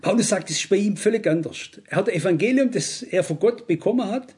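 A high-pitched man preaching a sermon with strong emphasis. He is middle-aged and keeps pressing his listeners with rhetorical questions. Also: expressive, fast, darkish tone.

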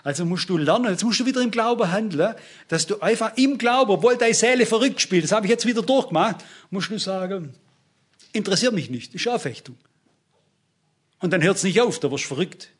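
A man's voice: high-pitched, expressive, fast, breathy edge. A man with an emphatic manner, preaching a sermon and addressing his listeners directly.

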